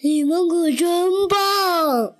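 A woman voicing a gentle, slow-talking male humpback whale in a children's storybook reading. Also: very high-pitched, faint music behind, voice pushed up, heavily acted. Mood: grateful. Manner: slow, drawn-out speech.

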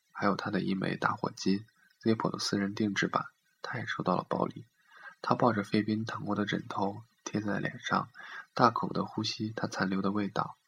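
A man reading a literary story aloud in a steady, measured way. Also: fairly low pitch, creaky, a little hiss or hum.

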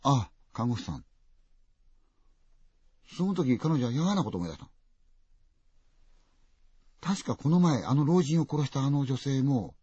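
A man telling a ghost story dramatically, full of vivid sound words and swinging from loud to hushed. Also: mid-range voice, sing-song, moderate pace, pauses often, husky, no room sound. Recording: dull, dry lo-fi recording.

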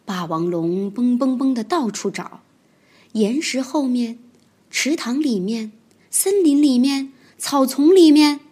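A woman reading a children's picture book aloud, with expressive storytelling. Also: sits high, slow, breathy edge.

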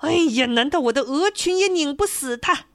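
A woman voicing a greedy, cruel male landlord who shouts angry orders at his servants in a storybook tale. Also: high voice, sing-song, unhurried, no echo, voice pushed up, exaggerated voice. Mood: furious.

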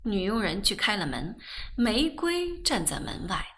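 A woman reading a novel aloud as audiobook narration, slow and expressive. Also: medium pitch, gravelly. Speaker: audiobook reader.

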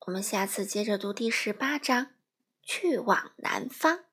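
A mother reading a storybook aloud to children in a gentle, storytelling manner. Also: medium pitch, expressive, unhurried, breathy edge.

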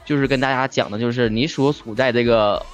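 A man's voice: medium pitch, fairly even intonation, a little fast, soft background music. A man with a Northeastern Chinese accent talking casually as a podcast guest, colloquial and joking. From Shenyang, northeastern China. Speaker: talk-show podcaster, guest instructor. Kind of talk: casual explanatory talk.

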